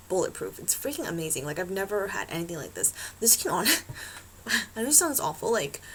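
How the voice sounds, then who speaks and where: A woman's voice: on the low side, fairly bright tone, slight background noise, poor audio. A woman chatting casually to her laptop webcam at home, rambling, swearing freely and filling her talk with "like" and "um". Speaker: beauty vlogger. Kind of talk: casual chat to camera.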